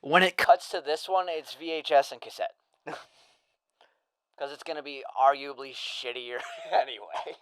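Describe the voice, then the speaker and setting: A man's voice: a little high, normal speed, fairly bright tone, no room sound. A man chatting casually while he paints, laughing often, swearing and rambling. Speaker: co-host. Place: home room with an open window.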